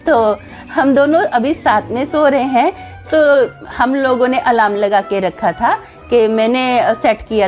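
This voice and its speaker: A woman's voice: a little high, a little mellow. A woman telling a story in a casual, chatty way, laughing at it as she goes. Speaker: storyteller vlogger.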